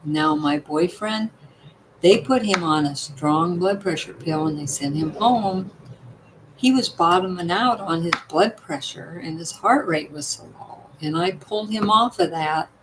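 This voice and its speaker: Speaking unhurriedly in a lowish voice, this older woman chats emphatically to her viewers at home about health tips. Her voice is partly worn and weakened, she keeps asking "you know what?", and background noise can be heard.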